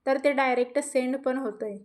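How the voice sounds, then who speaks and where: A woman voicing a calm, determined young man who keeps steady under threat. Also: high-pitched, moderate pace, close to an everyday voice.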